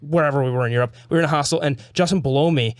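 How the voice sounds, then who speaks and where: Animated young man telling a story. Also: a little high, no echo, clean studio sound. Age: young adult. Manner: animated storyteller, quick restarts. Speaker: host. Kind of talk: casual chat.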